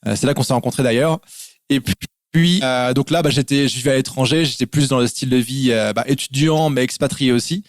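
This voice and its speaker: A man from France, speaking a little fast in a medium-pitched voice, is a guest in a casual interview over a call. He explains things in lists and uses lots of fillers. The audio is clean studio sound with no echo.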